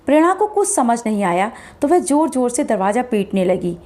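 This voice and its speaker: A woman narrating a scripted horror story in a steady, dramatic way. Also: on the high side, moderate pace.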